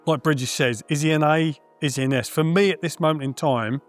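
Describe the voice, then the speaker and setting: A man's voice: fairly high pitch, a little fast, faint music behind. A man talking as a darts guest in a casual panel discussion, frank and friendly, with plenty of "um" and "listen". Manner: frank and friendly, with many fillers and hedges. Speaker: darts guest and former player.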